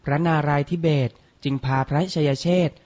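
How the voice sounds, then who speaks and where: A man leads a children's reading lesson, narrating a storybook tale and drilling vocabulary with slow, deliberate, crisp enunciation and old-fashioned courtly politeness. His voice sits on the high side, a little mellow, with little pitch movement.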